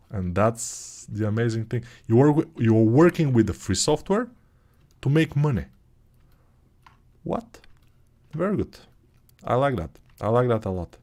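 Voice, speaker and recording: A 3D art instructor with a Bulgarian accent teaches 3D modeling on a live stream, his mid-range voice slightly mellow. He chats casually and answers viewer questions, restarting often and using lots of fillers.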